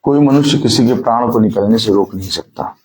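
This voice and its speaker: A man's voice: mid-range voice, fairly quick, a little mellow, rough recording. A male preacher delivering a sermon, repeatedly putting rhetorical questions to his congregation and drawing call-and-response answers.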